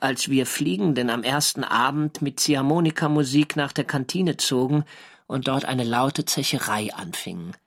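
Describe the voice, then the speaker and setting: An actor in a German radio drama plays a wry First World War sailor narrating his war diary. His mid-range, fairly bright voice is measured and clearly articulated.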